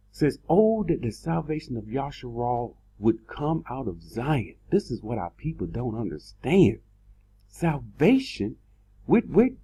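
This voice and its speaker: A man's voice: on the high side, mellow, husky. A man preaching in a sermon style, stressing words by stretching them out and repeating phrases. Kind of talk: sermon-style scripture teaching. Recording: dull lo-fi recording.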